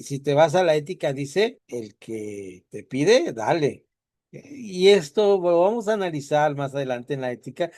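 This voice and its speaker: Man, middle-aged, classroom lecture, slightly high voice, dry sound, asks the class questions. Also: warm tone, no room sound. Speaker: teacher.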